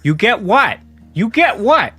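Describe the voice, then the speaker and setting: A game master voicing a young, defensive desert local in a tabletop game, whiny and quick to take offense. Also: mid-range voice, big pitch swings, bright, forceful tone, slightly rough, voice pushed up, exaggerated voice. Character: defensive twenty-year-old desert local. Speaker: non-player character in a tabletop game.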